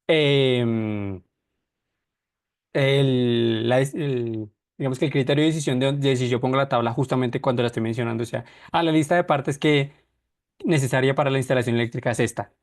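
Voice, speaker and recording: A man's voice: medium pitch, normal speed. A man teaching an online class, explaining step by step with many restarts and self-corrections.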